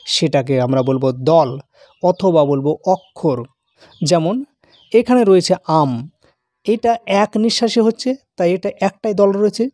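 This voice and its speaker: A man teaches grammar. He talks slowly and deliberately, splitting words into syllables and counting them aloud. The recording is dry and close. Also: high-pitched, darkish tone, no room sound. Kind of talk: classroom-style grammar lesson.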